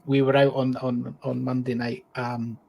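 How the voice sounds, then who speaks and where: A man's voice: mid-range voice, level tone, a little slow, creaky. A man with a Scottish accent hosting a casual live-streamed chat over a video call, easygoing and full of fillers. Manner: easygoing, warm-hearted agreeing, often trails off with fillers. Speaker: host.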